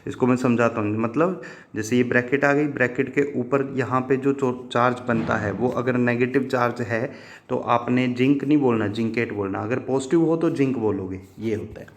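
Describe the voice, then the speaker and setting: A man's voice: mid-range voice, moderate pace. A man teaching chemistry in a patient, repetitive way, asking questions and answering them himself and addressing his students fondly as children. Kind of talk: classroom lesson explanation.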